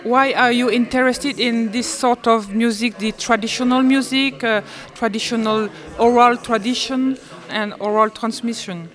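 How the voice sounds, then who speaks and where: Woman interviewer, slightly high voice, halting and simple phrasing. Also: steady tone, a bit bright. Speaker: interviewer, language student. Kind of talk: interviewing for community radio.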